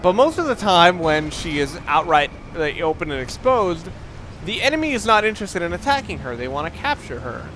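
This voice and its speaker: A young let's play host rambles conversationally while playing a video game, frequently cutting himself off. His voice is fairly high, sing-song, a bit bright, and a little fast. Game sounds play underneath along with faint background noise.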